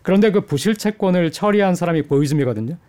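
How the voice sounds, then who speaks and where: A middle-aged man, an economics professor, gives measured interview answers with frequent hesitation fillers. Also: high-pitched, expressive, darkish tone. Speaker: economics professor, studio guest.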